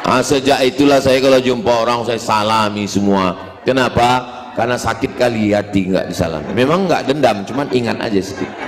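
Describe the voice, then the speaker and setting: A man, giving a humorous sermon, animated and jokey, swinging between high exclamations and low asides. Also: a little fast. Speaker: preacher. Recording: reverberant hall sound.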